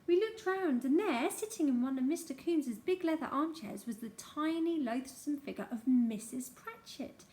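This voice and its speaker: A woman narrating a childhood memoir aloud in an expressive storytelling manner. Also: high-pitched, moderate pace, few pauses.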